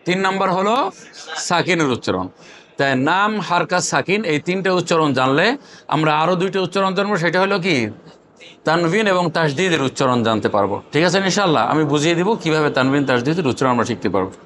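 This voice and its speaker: A man's voice: a little high, expressive, quick pace, fairly bright tone. A man teaching Quran recitation, quizzing the class and having them repeat Arabic letter names after him. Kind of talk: classroom lesson with call-and-response drills.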